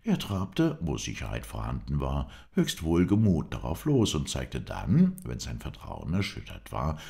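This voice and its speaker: A man narrating an adventure novel as an audiobook, in an even storytelling manner. His voice sits extremely low and is gravelly, yet his intonation rises and falls in a lively way. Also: a little slow. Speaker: audiobook reader.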